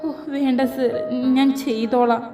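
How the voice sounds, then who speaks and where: A woman's voice: a little high, steady tone, unhurried, roomy sound. A woman voicing a widowed nurse and mother who begs and pleads tearfully, with faint music behind. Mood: pleading.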